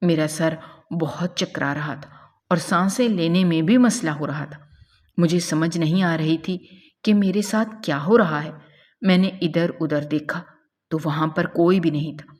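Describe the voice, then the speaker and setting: A woman narrates a dramatic story in the first person with earnest delivery. Her voice sits on the low side for a woman. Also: a little mellow.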